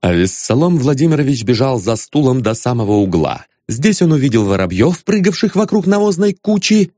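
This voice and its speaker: A man narrating an audiobook with a lively, expressive reading. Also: mid-range voice, brisk, dry recording, clean studio sound.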